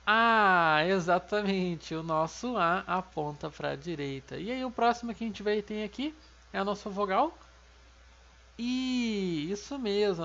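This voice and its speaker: A woman's voice: mid-range voice, creaky, lo-fi sound. Patient Brazilian woman teaching a lesson. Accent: Brazilian Portuguese. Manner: patient, explanatory, often adds "né?". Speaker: Korean language teacher. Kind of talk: online video lesson.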